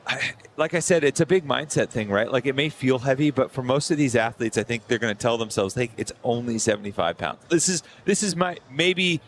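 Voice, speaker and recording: A man's voice: mid-range voice, expressive, brisk, hardly any pauses, slight background noise. A man giving conversational live sports analysis as a co-commentator, often repeating words as he gets going.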